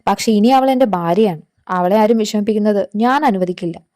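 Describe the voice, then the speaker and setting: A woman voicing a calm, firm, protective wealthy young husband in a storybook narration. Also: high voice, a little fast, close to an everyday voice. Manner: quiet and firm.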